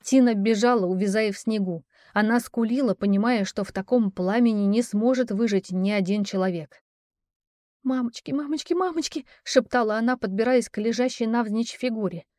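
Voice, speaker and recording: A woman reads scripted audiobook narration in an even, measured storytelling style. Her pitch is medium, and the studio-quality recording has no echo.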